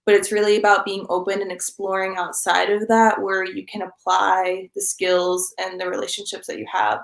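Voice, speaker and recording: A woman's voice: medium pitch, flat delivery, normal speed, creaky. A young woman in her twenties, a student guest giving earnest, reflective interview answers with frequent ums. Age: 20s. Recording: roomy echo.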